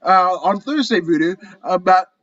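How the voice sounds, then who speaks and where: A man co-hosting a casual podcast chat, animated and profane, rambling through his rants. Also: high voice, moderate pace, no echo, muffled recording. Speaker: co-host.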